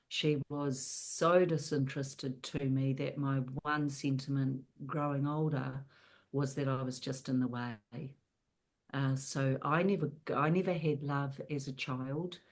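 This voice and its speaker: New woman, very deep voice, flat and slow, mellow tone, video call. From New Zealand. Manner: measured, pausing often. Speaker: panel guest.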